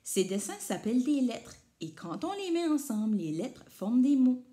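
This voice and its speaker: A woman voicing a patient father explaining letters in a storybook read-aloud, gently and clearly. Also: fairly high pitch, sing-song, moderate pace.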